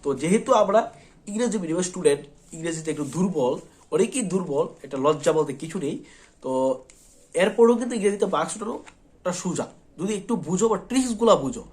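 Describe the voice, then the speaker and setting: A man's voice: high voice, expressive, fast, darkish tone. A man teaching an exam-prep lesson, repeating points and often checking in with his students. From Tripura, India. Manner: repetitive, reassuring, checks in often with "thik ache".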